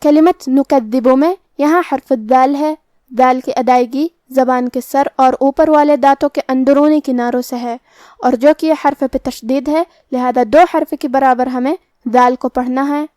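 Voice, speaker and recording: A woman teaching Quran recitation, explaining the pronunciation of each letter and reciting verses slowly and carefully. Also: high voice, steady tone, dark tone, dry recording, studio quality. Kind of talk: tajweed lesson, explaining letter by letter.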